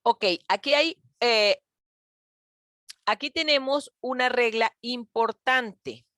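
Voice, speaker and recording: A woman's voice: on the high side, slow pace, a bit bright, no echo, studio quality. A woman teacher giving an online grammar lesson to pupils, patient and encouraging, often checking with her class. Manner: patient, calls pupils "mis niños" and "chicos", often checks with "¿ok?". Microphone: computer mic on a video call.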